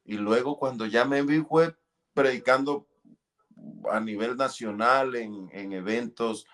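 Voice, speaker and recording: A man's voice: medium pitch, a little slow. A middle-aged man giving an earnest, fervent testimony in an interview. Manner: earnest, fervent, relives moments with cries and shouts. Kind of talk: emotional testimony.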